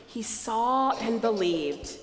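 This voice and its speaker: A woman leading a dramatized scripture reading, animated and prompting listeners to join in. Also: fairly high pitch, slow. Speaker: lead reader. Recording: echoey hall with long reverb.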